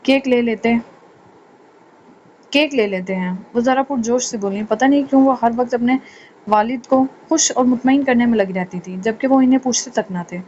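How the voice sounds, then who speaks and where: A woman narrating an audio romance novel in a steady storytelling manner. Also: on the high side, a little fast, lo-fi sound, slight background noise. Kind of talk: scripted narration.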